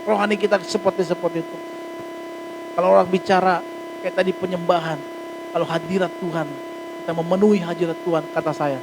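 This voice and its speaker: High-voiced pastor preaching with humming noise. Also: male voice, fairly quick, pauses often. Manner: lively conversational preaching, jokes and acted asides. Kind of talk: sermon. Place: church hall.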